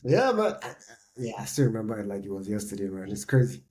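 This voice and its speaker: A man, co-hosting a podcast in a relaxed, chatty way. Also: fairly low pitch, fast talker, slightly rough. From Nigeria. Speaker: podcast co-host. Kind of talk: casual chat.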